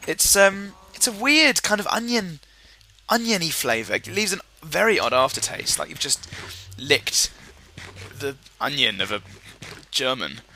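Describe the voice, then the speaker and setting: Rambling jokey guy, bright voice. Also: fairly high pitch, very animated, a little slow. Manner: rambling, jokey, silly asides. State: sore, strained voice. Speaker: gaming commentator. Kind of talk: casual game commentary.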